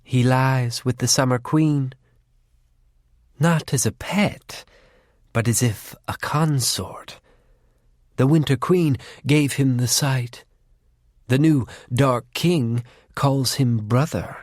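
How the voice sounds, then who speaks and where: A man voicing a cruel, war-loving female faery who taunts her sister in a low, menacing voice that drifts into whispers. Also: takes it slowly, pauses often, a little mellow, dry recording, clean studio sound, lightly acted. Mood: knowing.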